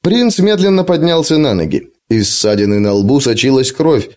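A man reading an adventure audiobook in a dramatic, expressive narration. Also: mid-range voice, moderate pace. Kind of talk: scripted narration.

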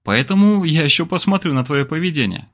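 A man voicing a calm, sharp-tongued young woman with a dry, unflustered manner. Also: on the high side, fairly quick, voice pushed up.

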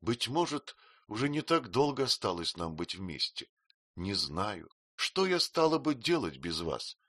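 Guy doing a soft pleading young mom, quiet and gentle, slow. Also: on the low side, very animated, dry recording, clean studio sound, exaggerated voice. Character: gentle fragile young mother, soft-spoken.

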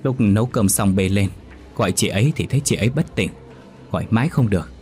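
A man's voice: lowish voice, animated, a little fast, a little mellow, slight background noise, natural voice. A man voicing a worried, hard-working widowed aunt in a horror audiobook.

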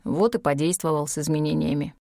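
Woman doing a chill low dragon guy, calm and even, dry close sound. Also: a little fast, vocal fry, dry recording. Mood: calm explaining. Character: stern young male dragon, calm and protective.

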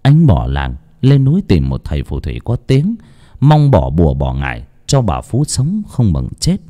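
A man narrating a dramatic audiobook with expressive storytelling. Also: low voice, normal speed.

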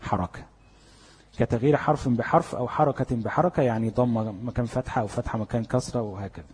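A man's voice: mid-range voice, quick pace, a little mellow, slightly rough, in a large hall. A man with an Egyptian Arabic accent teaching the rules of Quran recitation in a lecture, explaining step by step and asking his students questions he then answers himself. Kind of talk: classroom lecture on tajweed.

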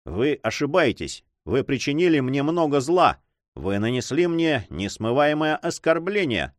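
Guy narrator doing a gloomy young man, slow and calm, set on a duel, dry close mic. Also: medium pitch, no echo. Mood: resolute. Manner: slow, gloomy, calmly resolute. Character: grim young man issuing a duel challenge.

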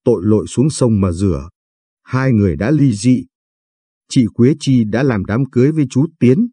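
A man voicing a mischievous teenage boy teasing his older sister in an audio story, playful and teasing, with a dark, husky voice. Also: mid-range voice, expressive, moderate pace, no echo, clean studio sound. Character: cheeky teenage boy, mischievous little brother.

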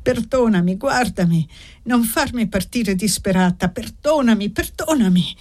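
A woman's voice: mid-range voice, animated, measured pace, a little mellow, dry recording, voice pushed up. A woman reading the part of a desperate young servant woman who begs and pleads, in an audiobook.

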